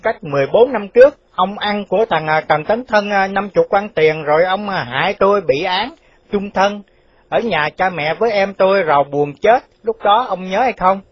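A man's voice: sits high, moderate pace, no echo, voice pushed up. A man voicing a vengeful escaped male convict who speaks firmly and scoldingly. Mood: stern. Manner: firm, scolding. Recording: dull lo-fi dry recording.

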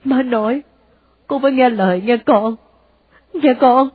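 A woman with a Southern Vietnamese accent voicing an anguished, devout older mother who implores her son, in a husky voice. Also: sits high, unhurried, dry recording, narrow, tinny audio, voice pushed up. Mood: pleading. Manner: imploring, sighing exclamations.

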